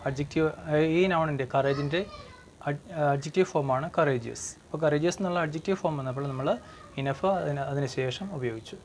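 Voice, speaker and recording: A teacher walks through English grammar, saying each example sentence slowly and filling pauses with okay and hmm. The voice sits at an ordinary middle pitch. A faint background hiss runs under the lesson. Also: a little mellow.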